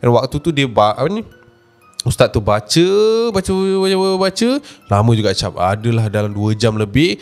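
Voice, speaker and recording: A man with a Malaysian Malay accent, retelling a horror story in the first person, casual and speaking straight to the listener. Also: mid-range voice. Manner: casual, addresses the listener directly.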